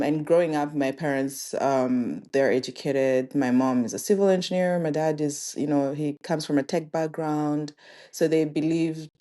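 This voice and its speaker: Woman from rwanda, young adult, low pitch, mellow tone, relaxed interview chat. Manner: relaxed, thoughtful, with frequent ums. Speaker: podcast guest.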